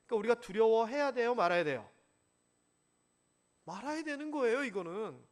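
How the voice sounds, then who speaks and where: Male pastor, sermon, animated storytelling, questions to the congregation, lively pitch. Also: fairly quick. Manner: animated, asks the congregation questions, acts out stories. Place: church sanctuary.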